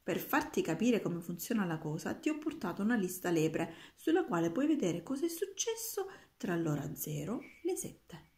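Mellow woman reading a storybook aloud. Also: on the low side, moderate pace, few pauses. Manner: steady, gentle storybook reading. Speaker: reader. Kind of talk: reading a children's book aloud. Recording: roomy echoing room.

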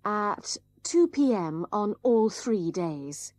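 A woman playing a polite travel agent in an exam listening recording, speaking slowly and carefully with a lively, rising and falling pitch. The recording is dry and close. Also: no room sound. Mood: helpful. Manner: measured, careful delivery.

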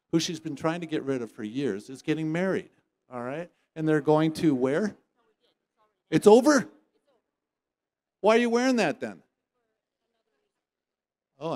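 A man drawing prize winners at a trade show lounge plays emcee, teasing and joking with bursts of loud excitement. His voice is medium-pitched, and the recording is dry.

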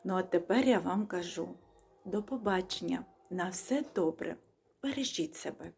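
A woman teaching young children, talking to them in a gentle, slow and reassuring way. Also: lowish voice, animated, vocal fry, faint music behind. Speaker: kindergarten teacher.

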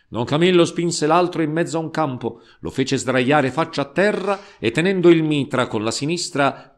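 A middle-aged man reading a novel aloud as an expressive narrator. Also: medium pitch. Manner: expressive storytelling.

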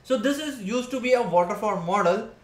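In an echoey room, a man in his thirties who teaches software engineering walks through a whiteboard tutorial. His high voice is expressive and brisk, and his explanations are peppered with frequent "right?" and "okay" checks on his listeners.

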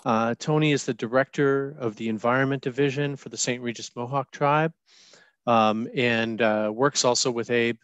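A man moderates a panel from a room at home, speaking through a headset on a video call. His voice sits at a middle pitch and sounds dry and close, with little room around it. He thanks the last speaker and introduces the next one politely, with a few fillers along the way. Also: fairly even intonation, normal speed, a bit bright, clear, resonant tone, no room sound.

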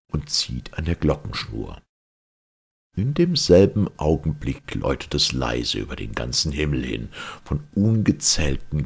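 An audiobook narrator with an extremely low, husky and gravelly voice reads a fairy tale meant for children. He paces the story in a measured way while keeping it expressive.

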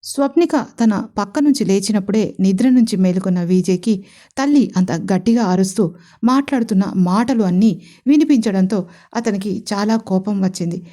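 Mellow-voiced woman narrating a story. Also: medium pitch, moderate pace. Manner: calm, even storytelling. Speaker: writer and narrator.

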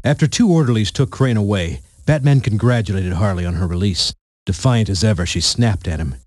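A man's voice: lowish voice, brisk, background noise. A man narrating a storybook game in a playful, punning storyteller manner.

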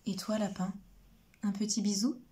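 A woman's voice: mid-range voice, level tone, normal speed, lightly acted. Woman voicing a sad little turtle. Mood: plaintive. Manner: plaintive, soft. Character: sad lonely turtle wanting a kiss.

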